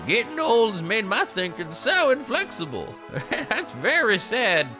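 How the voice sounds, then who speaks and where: A woman voicing a kindly, wise old man who explains things in a measured, musing way. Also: fairly high pitch, very animated, music in the background, voice pushed up. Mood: wistful.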